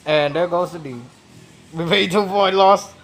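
Bright-voiced casual home cameraman, teasing. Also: mid-range voice, measured pace. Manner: teasing, repetitive. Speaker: cameraman and vlog host. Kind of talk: casual home video chat. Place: bedroom at home, indoors. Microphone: phone held by the camera operator. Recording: noisy handheld phone recording.

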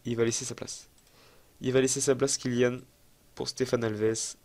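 Speaking at a normal pace in a mid-range voice, this young YouTuber plays a football management game and thinks out loud. His commentary is chatty, excitable, casual and self-mocking.

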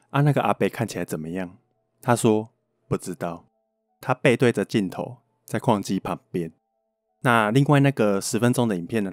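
Low-voiced Taiwanese storyteller man. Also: no room sound, studio quality. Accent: Taiwanese Mandarin. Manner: playful, joking asides, mild swearing. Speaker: podcast host. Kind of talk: casual storytelling.

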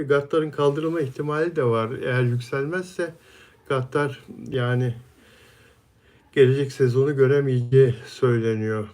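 A man's voice: mid-range voice, darkish tone. Chatty man reading live comments. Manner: friendly, chatty, answers viewers by name. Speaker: live stream host. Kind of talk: casual live chat, reading viewer comments aloud.

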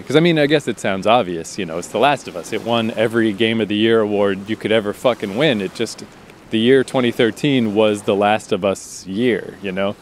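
A Canadian man in his thirties with a fairly low voice, talking loosely and informally. He rambles from one thought to the next, swears freely and leans on fillers. It sounds like a relaxed spoken intro to a podcast. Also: a little hiss or hum. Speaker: podcast host and author.

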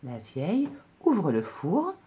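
A woman reading a children's story aloud, slow and animated. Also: breathy edge, lo-fi sound. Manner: slow, animated storytelling with wide pitch swings.

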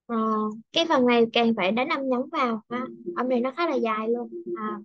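Woman, teacher, high voice, dry close sound, video call, patient word-by-word modeling. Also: dry recording, lo-fi sound. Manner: patient, models words slowly and clearly. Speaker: English pronunciation teacher. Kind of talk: online class teaching.

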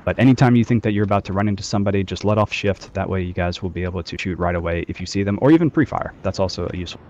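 The recording is muffled, but you can make out a man's low, darkish voice rattling along rapid-fire. As squad trainer, he's coaching a game session over group voice chat, instructing loosely and leaning on fillers.

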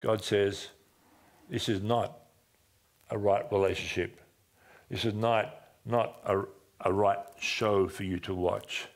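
An older man preaching from a seated position on a dim church stage, speaking through a headset mic. His voice sits fairly low and turns conversational and personal, with animated gestures and a habit of dropping quiet and low to stress a point. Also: slow, long pauses. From Australia. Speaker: pastor. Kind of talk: seated sermon with personal story.

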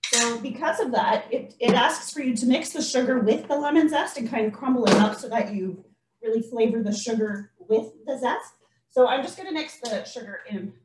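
A woman's voice: a little high, a little fast, noisy background. A middle-aged woman walks through a baking recipe in her home kitchen, chatty and self-deprecating, often restarting her sentences. She stands well back from a laptop camera on a video call. The kitchen sounds roomy and echoey. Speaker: baking demonstrator. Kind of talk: casual cooking demonstration. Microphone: laptop camera across the room, video call. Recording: echoey kitchen, speaker far from mic.

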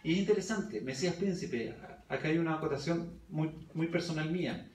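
In a church hall, a man preaches a Bible study sermon in a slightly high, expressive, darkish voice at a fairly quick pace. He reads passages of scripture aloud and questions those gathered, and the distant recording is echoey.

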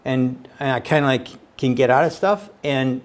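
A man's voice: mid-range voice, normal speed. Give me an older man as an eager, rambling interview host who keeps repeating words. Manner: rambling, stumbling over repeated words, enthusiastic. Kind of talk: casual interview chat.

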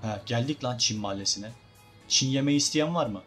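A man's voice: mid-range voice, a little fast, a bit bright, faint music behind. A man giving casual, joking let's-play commentary as a gaming YouTuber, talking to his viewers as guys.

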